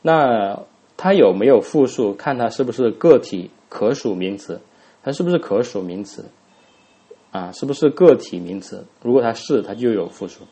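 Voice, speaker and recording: This man teaches an English grammar lesson in an animated, warm, medium-pitched voice at a moderate pace. He spells words out letter by letter, repeats each word twice, and keeps throwing rhetorical questions at his students, with plenty of filler words.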